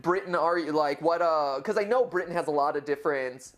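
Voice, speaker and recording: A man hosting a casual live-stream chat, playful and quick to tease, stumbling through restarts. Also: fairly high pitch. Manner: playful, stammering restarts, laughs often. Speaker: host.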